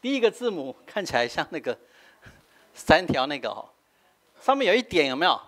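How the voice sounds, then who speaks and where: Middle-aged Taiwanese-accented pastor, teaching sermon, slightly high and very animated delivery, habitual "hah" tags. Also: male voice, brisk. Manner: explanatory, frequent filler "hah" tags, switching between Taiwanese and Mandarin.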